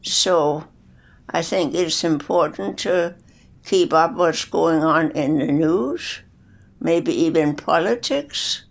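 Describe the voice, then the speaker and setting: A woman's voice: low-pitched, takes it slowly, vocal fry. A hundred-year-old woman from Denmark, plainly recalling her life in a documentary interview. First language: Danish. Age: 100s. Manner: plainspoken, matter-of-fact reminiscing.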